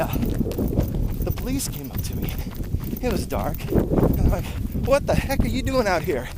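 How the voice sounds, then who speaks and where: American man vlogging mid-run outdoors. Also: fairly high pitch. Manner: talking while out on a long run, with pauses and breaks for breath. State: tired from running. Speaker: running vlogger. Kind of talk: casual vlog chat to viewers. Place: outdoors on rural roads. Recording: clear outdoor ambient noise.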